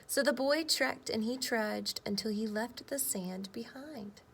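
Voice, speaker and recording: A woman speaking as a teacher reads a children's storybook aloud and talks to the kids as part of the lesson. Her voice is on the high side, fairly bright in tone, and unhurried. Background noise is clearly audible.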